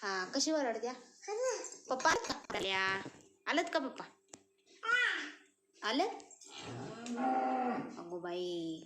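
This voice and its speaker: A young woman from Maharashtra, a mother filming her baby near the cows, cooing at him in high sing-song baby talk and murmuring plainer asides to her viewers. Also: big pitch swings, slow pace, long pauses. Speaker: vlogger mother. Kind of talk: home vlog talking to her baby and viewers. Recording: noisy home phone recording.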